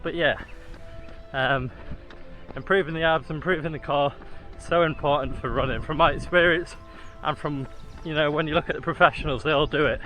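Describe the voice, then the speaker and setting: A man's voice: a little high, steady tone, moderate pace, a bit bright, faint music behind. A man chatting casually to his viewers while he jogs outdoors. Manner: talking while jogging. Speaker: running vlogger. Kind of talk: casual vlog talk to viewers. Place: outdoors, on a run.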